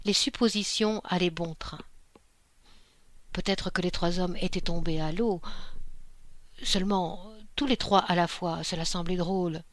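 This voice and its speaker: A woman reading a classic short story aloud in a measured, expressive narration. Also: medium pitch, dry recording. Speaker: audiobook reader.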